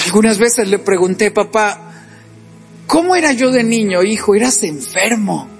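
A man preaching a sermon, with rising and falling emphasis. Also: sits high. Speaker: pastor.

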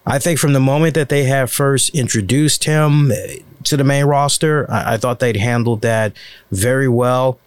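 A man hosting a show with unscripted opinion commentary, halting and rambling as he reasons aloud. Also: mid-range voice, steady tone, clean tone, dry recording. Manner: halting, rambling, emphatic filler phrases. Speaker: wrestling show host.

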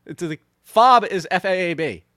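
A man with a fairly high voice and a lively, swooping delivery hosts a podcast in casual chat. He teases his co-host and presses his points insistently. The sound is dry and close. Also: normal speed, dry recording. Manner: animated, teasing, insistent.

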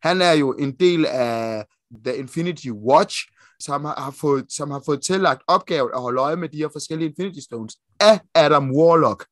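A Danish man co-hosting a podcast in casual chat, excitable and swearing freely as he gushes about comic lore. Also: fairly high pitch, dry recording, clean studio sound. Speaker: podcast co-host.

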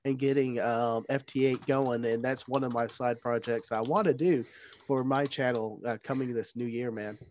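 A man's voice: mid-range voice, fairly even intonation, normal speed, darkish tone, slight background noise. A man with a nasal voice, stuffed up from allergies, chatting casually on a livestream. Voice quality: nasal, congested. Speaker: radio hobby streamer.

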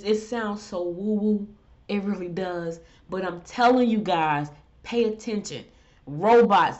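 Congested from a head cold, a middle-aged woman carries a laid-back solo talk show, rambling chattily and breaking into exasperated rants where her pitch climbs. Everything is captured in muffled, lo-fi sound.

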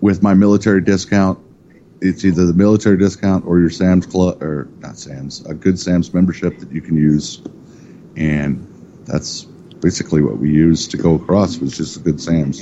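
A middle-aged man with a deep, dark voice talks casually as a guest, rambling and stopping to correct himself. The recording is dull and muffled, with a faint hiss underneath. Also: moderate pace. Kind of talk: casual chat.

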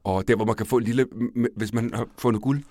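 A man co-hosting a casual comedy podcast, rambling and self-mocking, often trailing off quietly and laughing. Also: mid-range voice, fairly even intonation, no echo, clean studio sound. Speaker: podcast co-host.

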